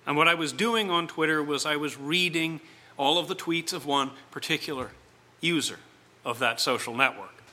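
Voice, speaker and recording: A middle-aged man delivering a reflective sermon, speaking in deliberate, measured phrases with dramatic pauses. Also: a little high, sharp tone. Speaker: preacher.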